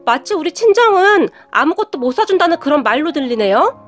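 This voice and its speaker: A woman narrates a scripted first-person story, indignant and confiding. Her voice is high and swings widely in pitch. Soft background music plays throughout. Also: big pitch swings, fairly quick.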